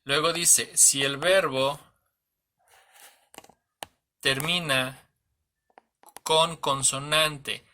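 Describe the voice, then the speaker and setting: A man's voice: on the high side, fairly even intonation, very slow, pauses often, sharp tone, slight background noise. A man teaching an English grammar lesson, patiently spelling out letters and often checking in with "¿sale?" and "¿ok?", correcting himself as he goes.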